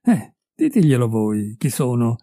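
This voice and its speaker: A furious, betrayed middle-aged husband, put on by a male reader hurls accusations at his wife and her lover. His voice climbs with anger over a very dark, mellow base. The storybook recording is dry and close. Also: a little high, lively intonation, a little slow, dry recording. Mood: furious, accusing. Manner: raised, heated and accusing.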